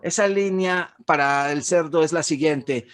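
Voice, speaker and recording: A man's voice: a little high, a little slow, clean tone. A man, an economist, giving a frank, emphatic webinar presentation over slides, with some fillers and restarts. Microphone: webinar recording.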